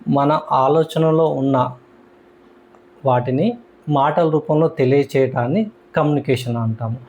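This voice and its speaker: A man's voice: mid-range voice, unhurried, darkish tone, dull audio, slight background noise. A man teaching an astrology lesson, explaining terms step by step and often repeating himself.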